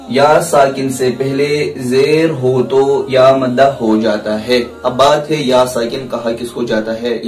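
A man teaching a recorded lesson on Quran reading rules, explaining slowly and repeating each point, drawing out example syllables. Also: mid-range voice, far from the mic. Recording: echoey room, voice from off-mic.

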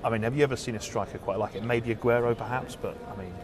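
A man's voice: mid-range voice, fairly even intonation, fast talker, crowd noise. A man working as a sports reporter, putting conversational questions in an interview. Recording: noisy location ambience.

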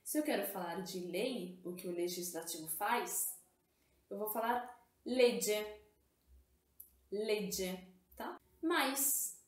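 A woman's voice: medium pitch, animated, measured pace, roomy sound. A woman teaching Italian vocabulary in a lesson, explaining step by step and often checking in with her listeners. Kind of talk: language lesson.

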